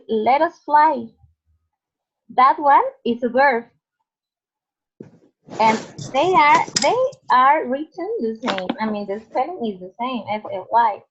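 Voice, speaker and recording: Slow, high-voiced woman teaching online. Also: slightly rough. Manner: patient, explains slowly with many fillers. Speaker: English teacher. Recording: dull lo-fi online call audio.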